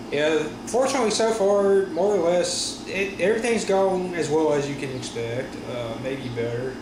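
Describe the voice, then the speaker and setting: A man talking casually in a personal vlog after wisdom teeth surgery, with a sore stiff jaw, halting and often correcting himself. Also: fairly high pitch. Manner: halting, rambling, frequent self-corrections. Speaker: vlogger. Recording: roomy echo with steady room noise.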